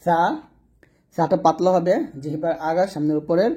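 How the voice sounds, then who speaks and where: Man teaching Quran reading, mellow voice. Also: a little high. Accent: Bangladeshi Bengali. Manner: drawn-out slow spelling of letters with vowel marks; repeats and corrects wrong pronunciations. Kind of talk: step-by-step recitation lesson.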